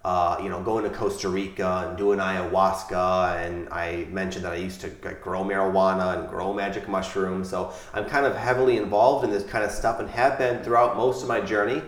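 A male podcast host, nasal from a cold, chatting casually with his wife in a relaxed, rambling way. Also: low-pitched, moderate pace, hardly any pauses, reverberant.

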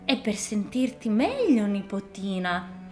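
A woman's voice: medium pitch, sing-song, slow, soft background music. A cunning, impatient wolf from a storybook, as a woman reads him out, sly and coaxing with a voice that swings up and down. He keeps his voice near the reader's own, only a little put on.

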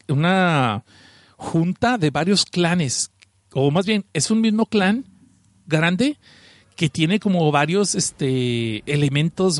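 Slangy Mexican man, higher voice. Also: no room sound, clean studio sound. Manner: animated, profane, slangy retelling with frequent restarts. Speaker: anime and manga reviewer. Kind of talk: casual storytelling commentary.

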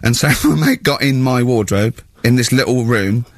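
A man hosting a casual radio chat, telling animated anecdotes and acting out the people in them on a studio microphone. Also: mid-range voice, normal speed, dry recording. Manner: animated anecdote-teller who acts out the people he describes. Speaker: radio host.

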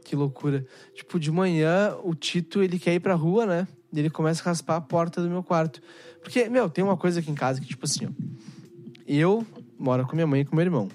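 A man's voice: fairly high pitch, fast, darkish tone. A young man, hosting a podcast and telling stories in laid-back, slangy casual chat. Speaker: podcast host.

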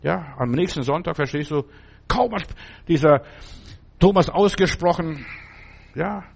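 A man's voice: on the high side, unhurried, gravelly, breathy edge. Man preaching in a loose chatty way. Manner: conversational, repetitive, many restarts and asides. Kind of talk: informal sermon.

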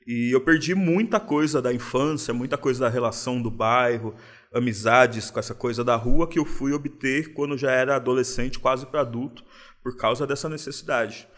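Relaxed São man, slang-heavy. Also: mid-range voice, normal speed. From São Paulo, Brazil. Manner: relaxed, reflective, uses street slang. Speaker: guest. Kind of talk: casual interview.

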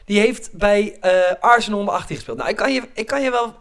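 A man in casual football chat, animated and laughing often, his voice climbing when he gets worked up. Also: high-pitched, quick pace. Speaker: football podcast panelist.

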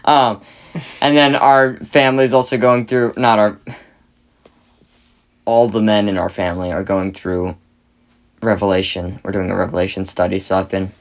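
A man's voice: lowish voice, level tone, moderate pace, long pauses. A young man co-hosting a podcast, chatting in an easygoing way and often tripping over his words. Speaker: podcast co-host. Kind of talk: casual chat.

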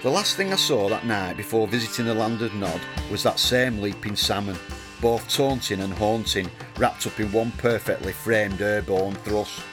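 Low-voiced man telling a wry story. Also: normal speed. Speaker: narrator. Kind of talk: storytelling narration. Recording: music playing under the voice.

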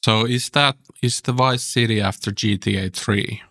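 A man's voice: lowish voice, steady tone, moderate pace, bright, forceful tone. A man, hosting a casual podcast and often repeating words as he goes. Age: 40s. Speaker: podcast host. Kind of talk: casual chat.

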